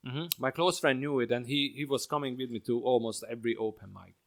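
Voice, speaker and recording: A man's voice: mid-range voice, steady tone, fast talker. A man co-hosting a casual comedy podcast, laughing often and trailing off mid-sentence. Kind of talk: casual chat.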